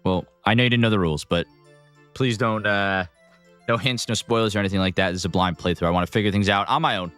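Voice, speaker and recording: A man's voice: lowish voice, quick pace, a bit bright, clear, resonant tone, soft background music. A man streaming a video game, chatting casually with his viewers as he plays. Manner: chatty, answering chat as he plays. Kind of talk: casual gameplay commentary.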